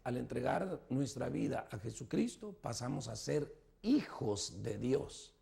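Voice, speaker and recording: A man's voice: mid-range voice, big pitch swings, a little slow, vocal fry, dark tone, slightly rough. A male pastor preaching a sermon, emphatic, pressing the listener with rhetorical questions.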